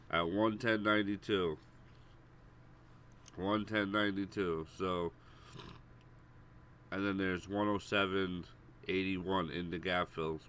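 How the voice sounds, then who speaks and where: On his live stream, a stock trading streamer with a head cold casually walks viewers through premarket chart levels and price targets, calling them "guys" and repeating himself. His voice is low, sharp, congested and nasal, with a little hiss or hum behind it.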